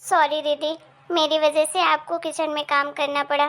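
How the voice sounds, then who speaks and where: An eager, sweetly polite young daughter-in-law in an animated family story, played by a woman. Her voice sits very high, bright and girlish. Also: normal speed.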